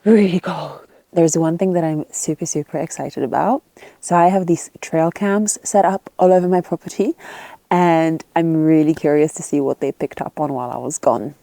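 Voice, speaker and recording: A woman in her thirties vlogging casually outdoors on her mountain land, enthusiastic and quick to laugh. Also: low-pitched, no room sound. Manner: enthusiastic, easily excited, laughing. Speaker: travel vlogger. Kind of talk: casual vlog narration.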